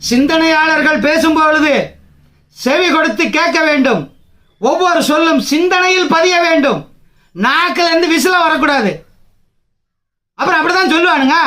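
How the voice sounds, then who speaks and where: A man's voice: very high-pitched, sharp tone. A man from Tamil Nadu leading a trade union, giving a combative, taunting political speech full of rhetorical challenges.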